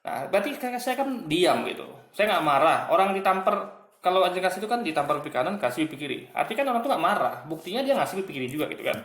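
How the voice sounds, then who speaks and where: His voice is a little high and fairly bright, and the room echoes around him. As an online commentator, he delivers a loose, mocking, combative monologue to viewers, returning again and again to "guys" and "gitu kan."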